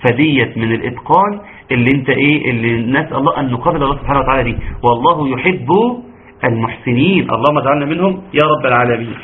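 A man with an Egyptian accent teaching Quran recitation in an online class, breaking into chanted examples between quick explanations. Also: medium pitch, slight background noise. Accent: Egyptian Arabic. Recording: tinny phone-like online audio.

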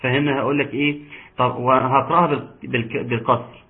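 A man with an Egyptian accent teaching Quran recitation in an online lesson. He explains patiently and chants verses slowly. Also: medium pitch, little pitch movement. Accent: Egyptian Arabic. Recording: tinny phone-like line.

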